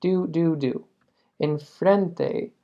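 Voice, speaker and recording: A woman's voice: sits low, drawn-out words, dark tone, lo-fi sound. A woman teaching a beginner English lesson, explaining step by step and patiently, with filler sounds between phrases.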